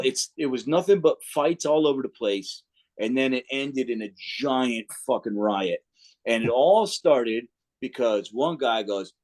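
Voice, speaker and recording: A man with a New Jersey accent, an interview guest telling stories casually, swearing a lot and acting out what people said. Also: medium pitch. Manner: profane, animated storyteller acting out quotes. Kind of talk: casual storytelling.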